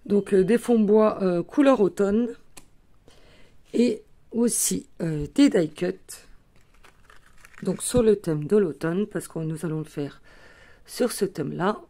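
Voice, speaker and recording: Speaking slowly in a mid-range, dark-toned voice with frequent pauses, a woman runs a craft tutorial. Her manner is chatty and casual; she talks as she handles her materials and scatters small fillers like "euh" and "voilà" throughout.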